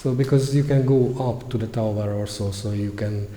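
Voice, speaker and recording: A man's voice: lowish voice, fairly even intonation, fairly quick, mellow, reverberant, in a large hall, slight background noise. A man from Hungary chatting casually as a traveling vlogger, in a plain, hesitant way. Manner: hesitant, simple phrasing. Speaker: vlogger, tourist. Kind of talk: casual chat. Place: large echoey church and museum.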